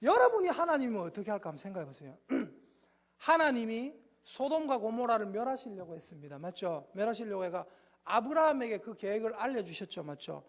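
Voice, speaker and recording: A male pastor with a Gyeongsang Korean accent preaching a Sunday afternoon sermon in a folksy, animated way, prompting the congregation to answer. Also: high voice, a little fast. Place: church sanctuary. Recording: reverberant church hall.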